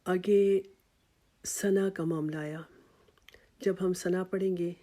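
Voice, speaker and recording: A woman with a Pakistani Urdu accent teaching tajweed step by step, slowly and patiently demonstrating sounds and pausing for repetition. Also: fairly low pitch, fairly even intonation, warm tone. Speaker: Quran recitation teacher.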